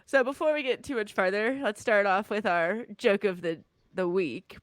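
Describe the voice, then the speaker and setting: Woman, nasal voice, playful pun-loving co-host, mid pitch, dry recording. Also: moderate pace, dry recording. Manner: playful, laughs easily, tells puns. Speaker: podcast co-host. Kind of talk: casual chat.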